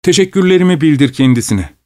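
Man voicing a drunk male servant, stubborn, higher-pitched, insolent, repetitive, dry sound. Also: lively intonation, fast talker, a little mellow, no echo, natural voice. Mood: rambling.

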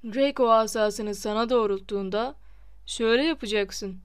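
A woman voicing a vain, flustered male wizard professor in an audiobook, calling out in loud, theatrical exclamations. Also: fairly high pitch, normal speed, clean tone, lightly acted. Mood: showy. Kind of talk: audiobook character reading.

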